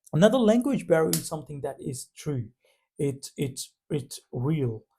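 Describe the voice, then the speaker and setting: Talking casually and reflectively to his camera, this Indian-accented vlogger from Punjab leans on plenty of fillers. His voice runs on the high side, warm and a bit breathy, with some vocal fry.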